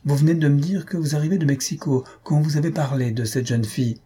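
A polite shopkeeping woman answers questions courteously, voiced by a man reading the story. His voice rises for her but keeps its husky, mellow grain. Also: on the high side, fairly even intonation, fast, pitched above the performer's own voice. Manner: polite, inquiring.

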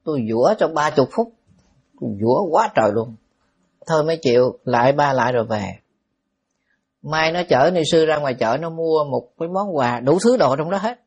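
A man, a Buddhist monk telling a story in a lively, anecdotal way, with asides to the audience. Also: a little high, moderate pace, breathy edge, lo-fi sound. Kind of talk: storytelling sermon.

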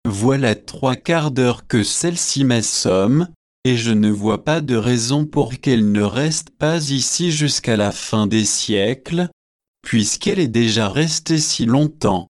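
A man's voice: mid-range voice, lively intonation, takes it slowly, dry recording. A man voicing a weary young man who is irritated by unwanted visitors and speaks in a formal, impatient way. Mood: exasperated.

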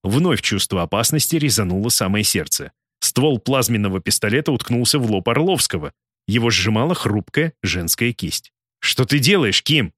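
A man narrating a dramatic audiobook in an expressive, theatrical manner. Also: on the low side, normal speed, dry recording, studio quality.

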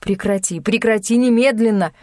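A man's voice: high-pitched, moderate pace, a little mellow, no room sound, studio quality, natural voice. A woman narrator voicing an anxious male doctor in an audiobook, pleading and insistent with a young woman.

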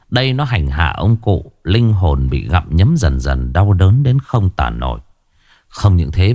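Guy narrating a ghost story, low voice, really animated delivery. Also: dry recording, clean studio sound. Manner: expressive, dramatic storytelling.

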